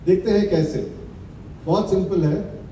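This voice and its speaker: Man, high voice, mellow tone, seminar presenter, emphatic, rhetorical questions, echoey hall, distant mic. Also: slight background noise. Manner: repeats slogans slowly for effect. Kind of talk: motivational business presentation.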